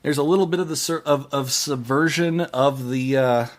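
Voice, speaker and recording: A man hosting a podcast, giving casual movie reviews in a halting way, often restarting and trailing off mid-phrase. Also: mid-range voice. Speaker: podcast host.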